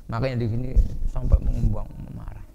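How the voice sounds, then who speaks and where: An ustadz with a Javanese accent teaches a hadith class in a boarding school study hall, giving a lively Islamic study sermon in which he quizzes listeners and acts out angry shouting. His medium-pitched voice is fast and creaky. The lo-fi recording has a noisy background, with hall reverb and faint ambience.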